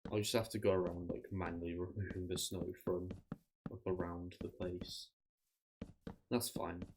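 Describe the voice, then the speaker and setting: A man streaming a game, chatting casually and rambling with frequent restarts, his voice tired and going hoarse. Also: sits low, little pitch movement, moderate pace, noisy background. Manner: rambling, self-interrupting, swears casually. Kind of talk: casual gameplay chat.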